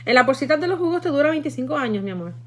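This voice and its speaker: A native Spanish speaker from Puerto Rico, this woman has a Puerto Rican accent and a high-pitched, fairly bright voice that races along expressively. She hosts a livestream teaching food storage, chatting and demonstrating casually while often tagging sentences with "okay?" The live stream comes from a noisy room.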